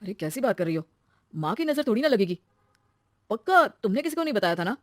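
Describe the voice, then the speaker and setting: A woman's voice: mid-range voice, sing-song, no room sound, clean studio sound, lightly acted. Woman doing a hot-tempered young husband. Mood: angry. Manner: quick to argue, loud. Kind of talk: cartoon story voice acting.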